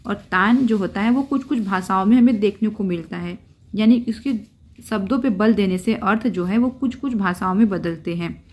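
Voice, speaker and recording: A woman's voice: on the high side, a little mellow. A young woman teaching a grammar lesson. She explains patiently, repeats the key terms and asks questions that she answers herself.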